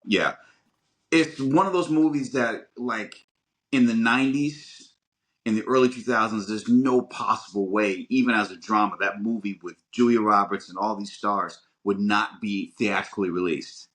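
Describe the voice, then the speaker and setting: The recording is rough, capturing a lowish, somewhat bright male voice. He's co-hosting a podcast and giving emphatic opinions about films, rambling and stopping to start over frequently.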